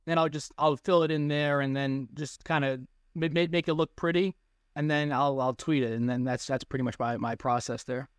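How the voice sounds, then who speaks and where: A man's voice: mid-range voice, fairly even intonation, normal speed, clear, resonant tone, no echo, studio quality. Teenage boy talking, full of "like". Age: teens. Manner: rambling, lots of "like". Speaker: guest, baseball analytics tweeter. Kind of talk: casual interview answers. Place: small room indoors. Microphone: webcam on a video call.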